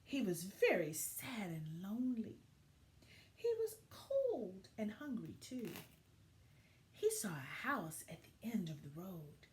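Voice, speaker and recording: A woman teacher reads aloud expressively to young children, her medium-pitched voice shaping each phrase in a deliberate, dramatic way.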